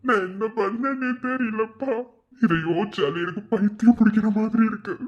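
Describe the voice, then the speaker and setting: A man voicing a proud but heartbroken young man in a cartoon drama, pleading in slow, broken, sobbing phrases. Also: fairly high pitch, lo-fi sound, lightly acted. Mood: anguished.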